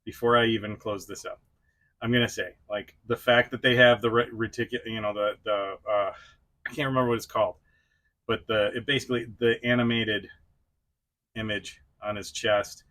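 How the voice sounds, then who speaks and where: This middle-aged toy reviewer talks straight to the camera in a chatty, self-deprecating vlog style. He has a lowish, sharp-toned voice, speaks at normal speed, and keeps his intonation fairly even.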